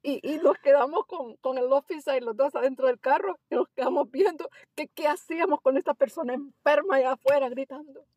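A woman who works as a driving instructor, telling a story in a casual interview, animated and slipping English phrases into her Spanish. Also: sits high, brisk, hardly any pauses, dry recording.

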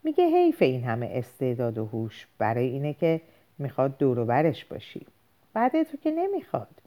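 A woman voicing a worried, gentle mother who pleads softly with her son and husband. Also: a bass voice, huge pitch swings, exaggerated voice. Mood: pleading. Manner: soothing, pleading.

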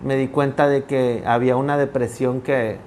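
A man in a reflective podcast chat, speaking earnestly and pausing to restart his thoughts. His voice sits at a middle pitch, with faint noise in the background. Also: flat delivery, darkish tone. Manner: earnest, halting with frequent restarts. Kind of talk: reflective conversation.

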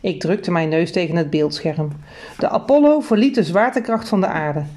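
A woman narrating a children's story in a lively, expressive reading. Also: lowish voice, normal speed.

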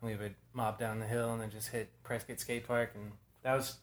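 A man's voice: lowish voice, little pitch movement, brisk, slight background noise. A man in his thirties co-hosting a casual chat, asking questions, laughing easily and swearing freely. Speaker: podcast co-host.

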